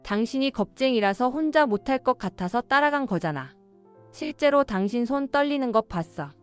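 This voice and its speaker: A woman voicing a young female villain who turns frantic and shouts accusations. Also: on the high side, animated, normal speed, clean tone, soft background music, lightly acted. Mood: hysterical. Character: young woman villain, cold then hysterical.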